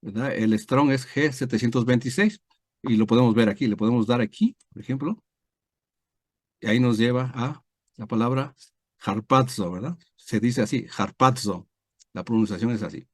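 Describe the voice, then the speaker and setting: A pastor teaching a Bible study over a video call, explaining step by step with many fillers and tag questions. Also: male voice, medium pitch, fairly quick, darkish tone, no echo, clean studio sound. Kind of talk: online screen-share Bible lesson.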